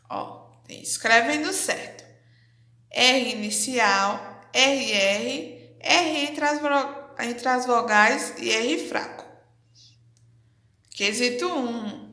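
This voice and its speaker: A woman's voice: a little high, pushed and bright, reverberant. A woman teacher walking pupils through a workbook activity, repeating each instruction patiently. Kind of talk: classroom lesson walkthrough.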